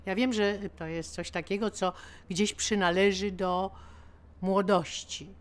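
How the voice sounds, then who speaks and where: A woman's voice: mid-range voice, steady tone, a little slow. An older woman poet talking reflectively, as in an interview.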